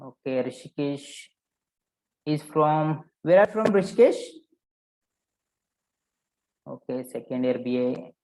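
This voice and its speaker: A man's voice: fairly high pitch, lively intonation, normal speed, a little mellow. A man leading a live online coaching session, probing participants and repeating their answers back to them. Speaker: workshop coach. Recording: roomy echo.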